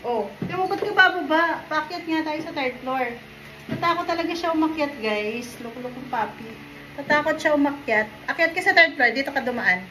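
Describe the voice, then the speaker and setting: A woman chatting casually in a home vlog, talking to viewers and coaxing her puppy in a high sing-song voice. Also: expressive, normal speed, noisy background. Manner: chatty, talks to viewers while doing chores. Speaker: vlogger. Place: home indoors, stairs and rooms.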